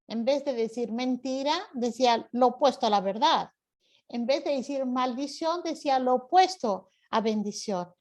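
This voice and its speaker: A woman's voice: sits high, a little mellow. A woman teaching an online class over a video call, explaining patiently and often asking rhetorical questions.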